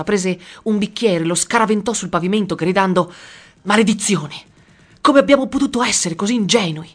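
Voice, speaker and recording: Audiobook narrator over music. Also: mid-range voice. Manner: steady storytelling.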